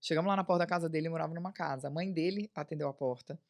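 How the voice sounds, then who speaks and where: A woman's voice: sits low, rapid-fire, a little mellow. A woman tells a personal story as a podcast guest on a studio mic. She acts out the voices of the people she quotes. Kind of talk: casual storytelling.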